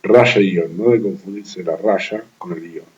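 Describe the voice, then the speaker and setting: A man reading a legal writing manual aloud, steady and methodical, restarting words he stumbles on and adding brief offhand remarks. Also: low voice, measured pace, lo-fi sound. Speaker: law study reader.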